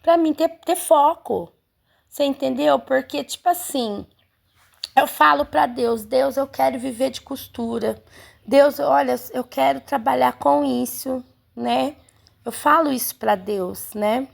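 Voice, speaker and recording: Chatty woman with gravelly fry. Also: high voice, unhurried. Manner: chatty, keeps addressing viewers, many fillers. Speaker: home seamstress vlogger. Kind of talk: casual storytelling to viewers.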